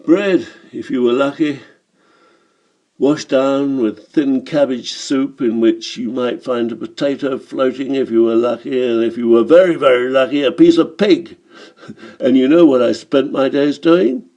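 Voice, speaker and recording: A man's voice: mid-range voice, measured pace, dark tone, natural voice. Man putting on a sly boastful swindler. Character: boastful middle-aged male German swindler. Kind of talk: audiobook storytelling.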